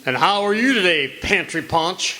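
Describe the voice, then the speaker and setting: A man's voice: high voice, lively intonation, normal speed, bright, forceful tone. A man playing a pompous, dryly sarcastic small-town doctor in an old-time radio comedy, talking with droll mock grandeur.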